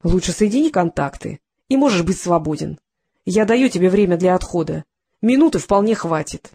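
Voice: mid-range voice, lively intonation, normal speed, dark tone, slightly rough. An audiobook reader voicing a menacing man who taunts his captive, in a sneering, mocking manner.

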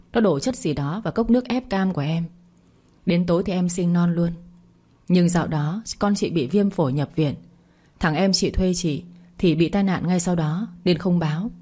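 A woman narrator voicing a stern older sister-in-law who firmly explains and scolds, with a low, husky voice. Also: mellow.

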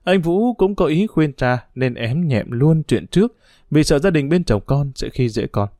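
A man voicing a middle-aged father who explains himself in a measured, patient way. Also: fairly high pitch, animated, warm tone, dry recording, clean studio sound.

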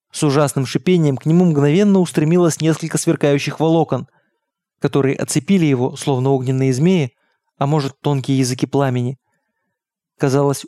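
A man's voice: medium pitch, mellow, no room sound, clean studio sound. Man narrating an audiobook. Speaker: audiobook reader. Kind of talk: scripted narration.

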